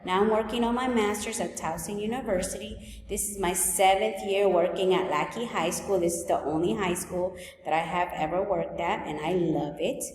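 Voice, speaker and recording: A woman in her forties from El Salvador, a high school teacher, walking through her class rules and agenda in a clear, list-like way. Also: moderate pace, few pauses, a little mellow. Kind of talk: recorded open house presentation. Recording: echoey room, long reverb.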